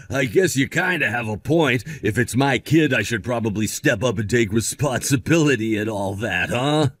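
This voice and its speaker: An actor playing an easygoing young boyfriend who talks in a casual, slangy way. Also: male voice, medium pitch, lively intonation, normal speed, fairly bright tone, husky, no echo, studio quality. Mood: amused.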